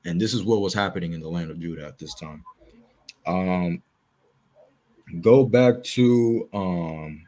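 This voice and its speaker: A man's voice: deep voice, breathy edge. A man leading a casual Bible study, talking informally with slang and repeating words as he thinks. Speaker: Bible class teacher.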